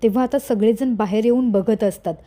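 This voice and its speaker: A woman tells a serial's story in a steady, scripted recap. Her voice is a little high and mellow, with a warm, relaxed tone. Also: fairly quick. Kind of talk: scripted narration.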